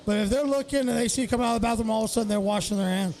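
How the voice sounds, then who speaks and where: A man's voice: high voice, racing, darkish tone. A man co-hosting a casual live show, blunt and profane, scolding people. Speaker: podcast co-host. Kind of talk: casual banter on a live stream.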